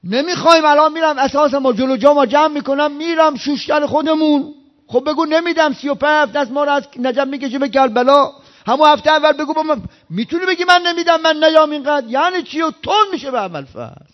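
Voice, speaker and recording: A man voicing an aggrieved grown man who complains loudly and indignantly, his voice pushed up and raised. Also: sing-song, hardly any pauses. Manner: loud, pitched up, exasperated complaining. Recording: dull lo-fi recording.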